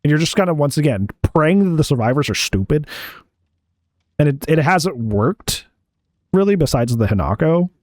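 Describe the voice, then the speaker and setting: Lively, sarcastic male game coach. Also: on the high side, moderate pace, no room sound, clean studio sound. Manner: blunt, sarcastic, chatty critique. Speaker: match review coach. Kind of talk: gameplay review commentary. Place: at home.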